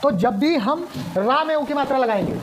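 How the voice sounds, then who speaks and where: A woman's voice: high-pitched, animated, normal speed, background noise. A woman teaching a lesson, who keeps asking the class questions and then answering them herself. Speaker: Hindi teacher. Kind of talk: explaining at a whiteboard.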